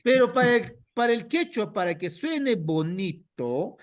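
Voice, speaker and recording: Teaching a language class online, a man speaks unhurriedly in a sing-song way, his pitch rising and falling freely. Patient throughout, he questions students one by one by name and repeats answers slowly so they can follow.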